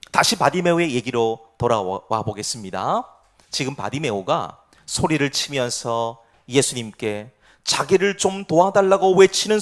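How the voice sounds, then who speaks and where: Emphatic Korean pastor preaching a sermon. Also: male voice, fairly high pitch. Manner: emphatic, swinging between loud cries and quiet asides; asks the congregation rhetorical questions.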